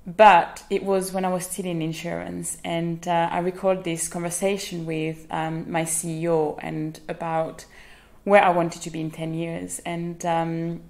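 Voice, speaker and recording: A woman's voice: lowish voice, flat delivery, a little slow, creaky, darkish tone. A woman from south-west France with a French accent, a chef answering interview questions in a thoughtful way. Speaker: guest chef.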